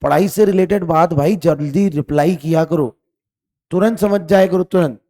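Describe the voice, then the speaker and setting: A man's voice: a little high, moderate pace, dark tone. A man teaching chemistry in an online exam-prep class, asking questions, repeating them and scolding students for lazy answers.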